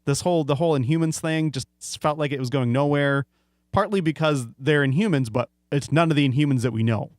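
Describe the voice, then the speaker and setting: A man's voice: a little high, brisk, darkish tone, no echo, clean studio sound. Reasoning male podcast co-host. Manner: reasoned, explanatory, agreeable. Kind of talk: casual chat.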